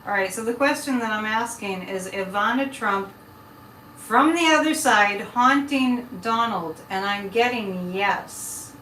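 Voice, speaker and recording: Her mid-range voice is a bit bright and a little slow as this woman hosts a casual live psychic chat. She rambles, breaking off mid-thought while talking to viewers, recorded through a distant mic in an echoey room with faint noise.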